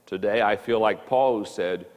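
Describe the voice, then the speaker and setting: Speaking in a large hall, a man in his 50s with a lowish voice teaches a recorded lesson on leadership. His delivery is halting, and he frequently stumbles and repeats words.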